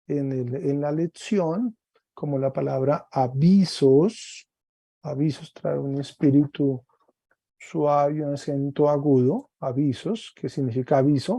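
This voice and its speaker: A man teaching a Greek class online, explaining slowly step by step and often checking with "¿cierto?". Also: fairly high pitch, gravelly, warm tone, no room sound, highs cut off.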